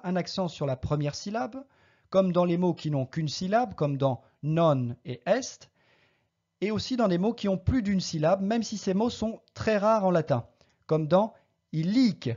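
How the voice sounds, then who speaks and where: This dull-sounding recording captures a Latin teacher's lesson, where each word is first pronounced slowly and then explained. The teacher's voice is mellow and sits at a medium pitch.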